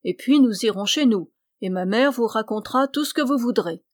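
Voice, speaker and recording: A woman's voice: a little high, animated, normal speed, no room sound, studio quality. Woman reader playing a laid-back young driver, plain-spoken and easygoing, storybook. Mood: reassuring. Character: easygoing young man, unhurried wagon driver.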